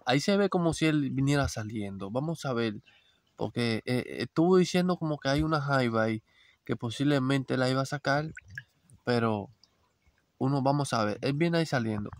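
A middle-aged man narrating live as a vlog host, talking to viewers outdoors by a forest stream with halting, repetitive commentary. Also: mid-range voice, animated, no room sound. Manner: talks to viewers, repeats phrases, halting restarts. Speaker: vlog host narrating a crab-fishing outing.

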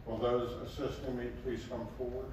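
A man acting as pastor recites a communion liturgy at a measured, solemn pace. He sounds set back from the microphone, and the chapel's strong echo rings around every phrase. A faint hum of room noise sits underneath. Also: medium pitch, little pitch movement, a little mellow, far from the mic.

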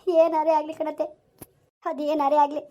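A woman's voice: high-pitched, flat delivery, moderate pace, warm tone, natural voice. A woman playing a wronged young village wife, pleading and tearful in a family drama. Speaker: daughter-in-law Sunita in a family skit.

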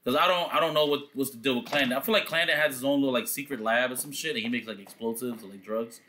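A man's voice: mid-range voice, quick pace, pushed and bright, a little hiss or hum. A man hosting a let's play, thinking aloud in slangy, rambling, casual commentary. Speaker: gamer, let's play host.

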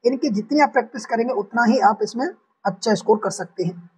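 A man's voice: very high-pitched, brisk, far from the mic, slight background noise, poor audio. A man teaching an online exam-prep language lesson, walking through each answer option step by step and repeating the correct ones. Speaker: Hindi exam tutor.

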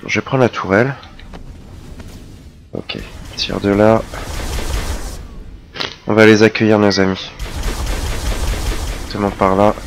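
A man giving casual, chatty commentary over his own gameplay, excitable and quick to mock himself. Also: on the low side, over music. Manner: chatty, self-mocking, excitable. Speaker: let's play gamer.

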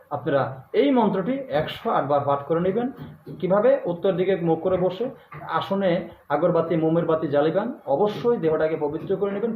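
A man speaking as a spiritual guru, talking slowly and repetitively and chanting a mantra in a drawn-out cadence. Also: on the high side. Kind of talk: instructional spiritual talk to viewers. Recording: echoey, tinny phone-like sound with faint noise.

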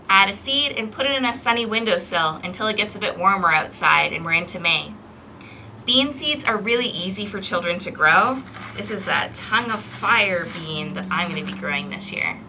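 This is an interactive storytime for little kids, led by a woman in her thirties whose voice sits in the mid-range. Her delivery is lively yet deliberate, and the outdoor balcony recording comes through a camera microphone several feet away, with background noise present.

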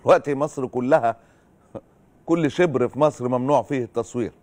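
A man's voice: mid-range voice, fast, darkish tone. A middle-aged Egyptian man hosting a political commentary show, sarcastic and indignant in his narration. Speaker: host.

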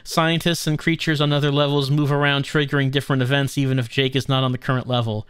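A man's voice: medium pitch, flat delivery, quick pace, a bit bright, clear, resonant tone, dry recording, clean studio sound. A man hosting a gaming video, chatting casually and musing as he plays. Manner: musing, conversational. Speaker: gaming channel host. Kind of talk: casual game commentary.

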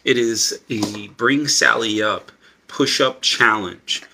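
A man's voice: lowish voice, slow, sharp tone. A man in his twenties chatting casually to camera in a homemade vlog. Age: 20s. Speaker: teacher doing a fitness challenge video. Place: carpeted living room, indoors. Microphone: phone on the floor close by. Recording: faint background noise.

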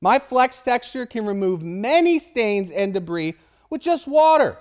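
A man plays a brash young cartoon sponge on the debate stage. He is smug and slangy, with a high voice that bounces around as he boasts and trash-talks for comedy. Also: sing-song, unhurried, darkish tone. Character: cocky, trash-talking young smiley scrubber sponge candidate. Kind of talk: comic mock political debate.

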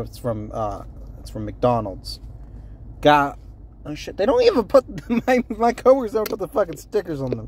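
A young man chatting casually to his phone camera from a parked car, rambling with lots of ums and self-corrections. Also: on the high side. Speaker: vlogger. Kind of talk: casual unscripted chat to camera.

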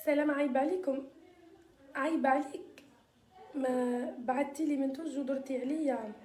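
Algerian woman hosting a casual live stream, high-pitched and quick, mixing in French words, in an echoey room. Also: a little mellow, a little hiss or hum. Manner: chatty, sprinkles French words. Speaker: live-stream host selling beauty mixtures. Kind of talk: casual live-stream chat reading viewer comments.

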